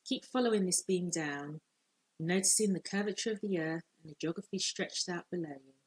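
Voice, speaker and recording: A woman life coach leading a guided visualisation, speaking in slow, soothing, measured instructions with long pauses. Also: fairly low pitch, husky, poor audio.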